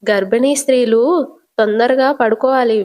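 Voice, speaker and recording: A woman reading a gentle, teasing young husband. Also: a little high, fairly even intonation, normal speed, close to an everyday voice. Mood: tender.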